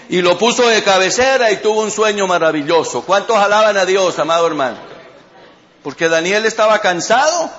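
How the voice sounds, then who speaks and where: A man's voice: sits high, a bit bright, lo-fi sound. A man pastor preaching a sermon. He tells a Bible story and keeps calling out to the congregation. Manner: storytelling with repeated call-outs to the congregation.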